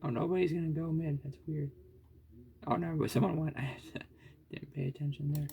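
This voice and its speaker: Narrating a screen recording of himself tinkering with computers and gaming, a man thinks aloud and keeps starting sentences over in a casual way; he's a hardware hobbyist vlogger. He speaks briskly in a fairly high, gravelly voice with fairly even intonation, and the muffled recording carries a little hiss or hum.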